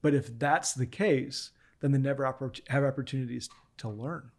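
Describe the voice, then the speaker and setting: A man in his forties, a pastor talking as a guest on a podcast, telling stories earnestly with frequent restarts and soft asides. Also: medium pitch, steady tone, normal speed, vocal fry. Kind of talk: casual interview chat.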